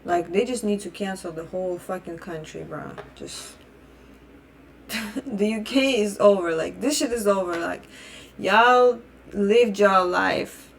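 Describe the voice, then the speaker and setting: Here the same kind of speaker, a young Russian woman whose native tongue is Russian, delivers a heated, profane opinion rant for her vlog in a mid-range voice, a little slow. Her phrasing keeps restarting amid heavy swearing, and there's slight background noise.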